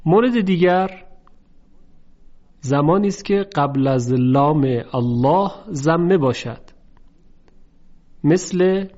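A man teaching a lesson on Quran recitation rules, speaking slowly and carefully and drawing out the example words in chant. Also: a little high, darkish tone. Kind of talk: tajweed lesson. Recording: dull lo-fi recording.

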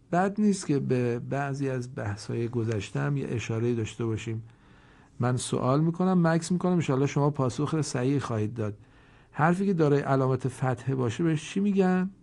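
A man teaching Quran reading in a formal recorded lesson, speaking slowly and deliberately, pausing to let learners answer. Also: mid-range voice, creaky, mellow.

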